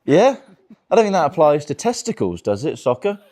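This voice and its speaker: A man's voice: fairly high pitch, big pitch swings, a little fast, darkish tone. A man in his twenties doing crude, teasing crowd work as a stand-up comedian in a virtual-reality show. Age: 20s. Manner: crude, teasing, laughs often.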